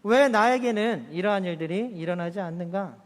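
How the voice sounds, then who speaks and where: A man's voice: high voice, moderate pace. A man preaching a Sunday sermon as pastor, asking his congregation questions in a conversational way. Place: church sanctuary. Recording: church hall reverb.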